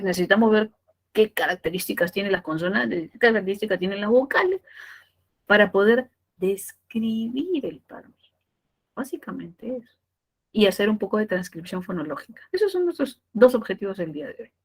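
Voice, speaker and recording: A language teacher delivers a class lecture. Her voice sits in a middle pitch for a woman. She keeps checking in with her students through questions and slows right down to stress each technical term. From Peru. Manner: explains step by step with rhetorical questions and tag checks; stretches key terms slowly for emphasis. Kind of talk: pre-university class lecture.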